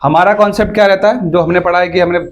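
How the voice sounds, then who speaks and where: A man's voice: sits high, steady tone, fast talker, lo-fi sound. A man teaching an English grammar class to students, explaining step by step and often stopping to ask whether everyone has understood. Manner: keeps checking whether students follow, repeats points.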